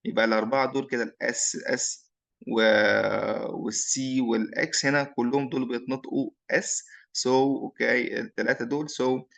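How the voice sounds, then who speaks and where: A man's voice: mid-range voice, level tone, moderate pace, creaky, fairly bright tone. A man giving a university English pronunciation lecture, switching between English and Arabic and repeating each point with many fillers.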